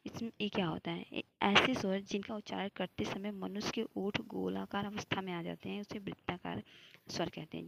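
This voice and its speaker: A woman's voice: mid-range voice, creaky, no room sound, highs cut off. A young woman teaching Hindi grammar for an exam, explaining step by step and answering her own questions. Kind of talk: classroom lecture.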